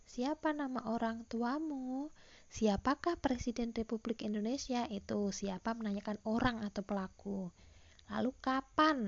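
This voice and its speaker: A woman's voice: fairly high pitch, vocal fry, a little mellow, muffled recording. A woman teacher giving a recorded online lesson to primary school children, patiently explaining and reading example questions aloud.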